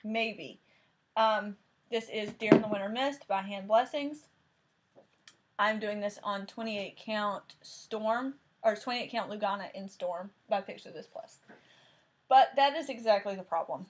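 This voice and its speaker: In a medium-pitched voice at a measured pace, a Tennessee woman with a heavy Southern accent rambles casually through her crafting vlog about cross-stitch. A slight hiss or hum sits under the audio, and her talk is dotted with fillers and self-corrections.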